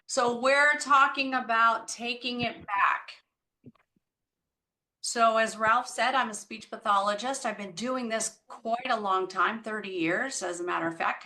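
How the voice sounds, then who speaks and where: A woman in her fifties, a speech-language pathologist, talking in a slow, deliberate and emphatic way over a video call. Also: a little high, pushed and bright. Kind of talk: encouraging talk on stroke recovery.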